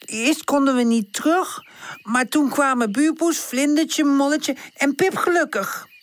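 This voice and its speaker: A woman's voice: sits high, measured pace, voice pushed up. A woman voicing an eager young male puppy who stammers, in a children's storybook. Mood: earnest. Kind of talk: storybook character voice.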